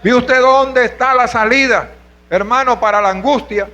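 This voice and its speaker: A man's voice: extremely high pitch, normal speed, pushed and bright, poor audio. A man from Venezuela preaching a sermon as pastor, asking rhetorical questions and calling out to the congregation. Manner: preaching with rhetorical questions, calls of hermano and aleluya.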